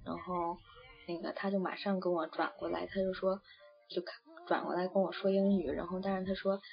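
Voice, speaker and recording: A woman's voice: on the low side, flat delivery, a little fast, creaky. A young woman from China chatting casually and rambling, with many fillers and restarts. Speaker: interviewee. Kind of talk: casual chat. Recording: dull lo-fi audio with faint music.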